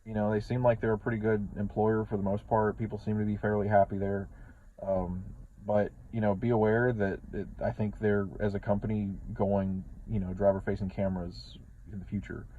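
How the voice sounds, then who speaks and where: A man's voice: on the low side, little pitch movement, a little fast, phone-quality sound, a little hiss or hum. A man, a truck driver, talking casually in a rambling vlog, repeating words and swearing often.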